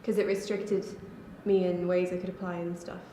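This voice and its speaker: Relaxed young woman in an echoey room. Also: lowish voice, normal speed, a little hiss or hum. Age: young adult. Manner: relaxed, with frequent fillers like "like" and "um". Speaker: interview guest, college student. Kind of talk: casual interview answers.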